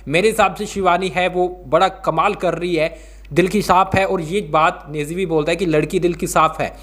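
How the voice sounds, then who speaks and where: A man casually recapping a reality show for viewers, acting out the quoted lines and filling pauses with small fillers. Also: sits high, fairly even intonation, a bit bright. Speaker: reality show update vlogger.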